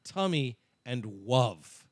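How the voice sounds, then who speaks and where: A man's voice: mid-range voice, expressive, slow, no room sound. A man co-hosting a casual podcast, reading out poll figures in a dry, matter-of-fact way. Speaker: co-host.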